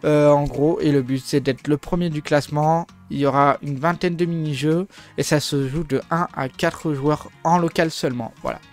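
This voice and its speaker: A man's voice: a little high, steady tone, moderate pace, hardly any pauses, faint music behind. A man whose first language is French, casually rambling through game overviews with jokes, many fillers and restarts. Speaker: gaming video host.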